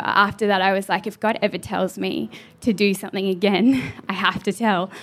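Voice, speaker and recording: A woman shares a personal testimony in a church setting. She speaks conversationally and earnestly at a medium pitch, telling it informally. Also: a bit bright. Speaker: church member giving a testimony.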